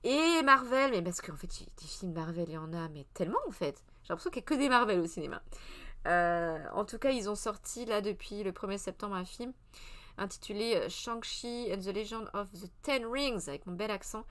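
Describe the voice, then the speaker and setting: A woman's voice: mid-range voice, lively intonation, brisk, fairly bright tone. A woman in her thirties hosting a casual live press review, chatty and meandering, with many hesitations and self-corrections, answering her chat as she goes. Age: 30s.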